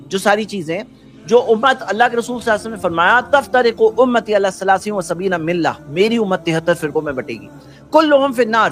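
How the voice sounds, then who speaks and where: A man's voice: high-pitched, a bit bright. A man giving an earnest religious talk who keeps asking rhetorical questions and quotes Arabic before explaining it. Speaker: Islamic preacher.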